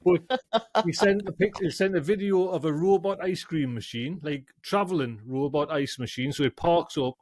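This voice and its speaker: A man hosts a relaxed chat show. His voice sits slightly high and rambles along, full of asides. The sound is very dry and close. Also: normal speed, no room sound. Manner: chatty, keeps asking "do you know what I mean". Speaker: host. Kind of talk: casual chat.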